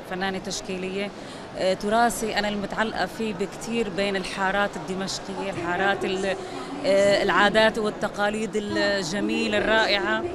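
A woman's voice: mid-range voice, noisy background. A woman talks about her own artwork into a handheld microphone. She hesitates often and restarts her sentences. Crowd chatter fills the busy exhibition hall behind her. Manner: hesitant, many fillers and restarts. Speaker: visual artist. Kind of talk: interview about her painting. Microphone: handheld interviewer mic.

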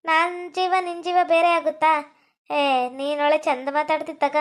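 A woman's voice: high-pitched, little pitch movement, unhurried. Woman playing a sugary scheming young wife. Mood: coaxing. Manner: coaxing, sugary. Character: sweet-talking young second wife, vain and scheming. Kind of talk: comedy skit.

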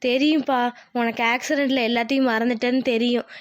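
A woman's voice: on the high side, steady tone, fast talker, no echo, clean studio sound, lightly acted. A woman voicing a kindly village woman who runs a food stall, motherly and consoling.

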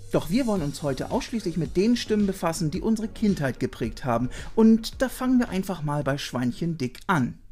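Surrounded by collectibles, a self-mocking host presents a retro video show, cracking jokes and delivering his facts in an offhand way. His voice is high with a darkish tone, picked up by an arm-mounted studio mic.

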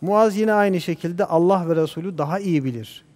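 Man, religious scholar, measured preaching, high voice, reverberant studio. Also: a little mellow. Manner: measured, preacher-like with recited Arabic verses. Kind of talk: religious talk on a TV program.

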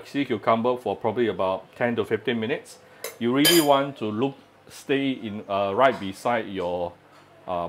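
A man's voice: on the low side, a little hiss or hum. Chatty man cooking at home. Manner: chatty, hesitant with frequent "uh" fillers. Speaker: home cooking channel host. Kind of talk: casual cooking demonstration. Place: home kitchen at the stove.

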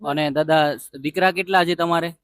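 A man hosting a charity video outdoors by a roadside, interviewing gently and reassuringly and making an earnest appeal to viewers. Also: a little high, steady tone, normal speed, no echo.

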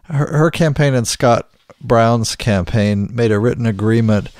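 A man's voice: mid-range voice, unhurried, a little mellow, no echo. A man co-hosting a podcast in casual chat, reading book passages aloud and restarting his sentences often. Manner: hesitant, many restarts and fillers. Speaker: podcast co-host.

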